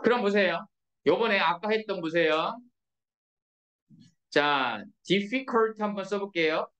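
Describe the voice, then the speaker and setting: A woman teaches grammar to a room of students, peppering every point with quick questions to check they follow. Her voice sits at an ordinary pitch. It reaches the mic from a distance, with the hollow echo of a bare classroom around it. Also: lively intonation, fairly bright tone, dull audio. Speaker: English teacher. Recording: echoey classroom from far off.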